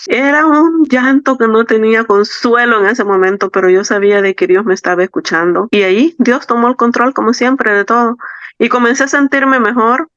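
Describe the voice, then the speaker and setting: A woman's voice: a little high, brisk, a bit bright, no room sound. A woman from El Salvador, a guest on a podcast, telling a personal faith testimony in an earnest, reflective way that circles back on her words. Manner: earnest, reflective storytelling with repetition. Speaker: interview guest. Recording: slightly dull, dry recording.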